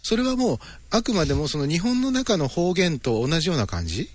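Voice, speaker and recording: A man's voice: on the high side, big pitch swings, a little fast, loud music behind the voice. A man hosting a casual conversational interview, asking curious, eager follow-up questions.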